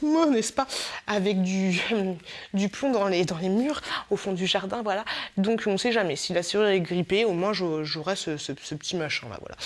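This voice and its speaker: A woman showing her shopping haul to camera, in a chatty, playful way, with frequent hesitant fillers and self-mocking asides. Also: medium pitch. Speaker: haul vlogger. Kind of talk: casual product haul chat.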